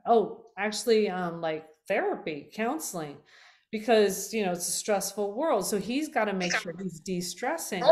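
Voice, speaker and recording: Woman, middle-aged, casual health talk, chatty with fillers, self-correcting, voice slightly worn, mid pitch. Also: lively intonation, normal speed. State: slightly losing her voice.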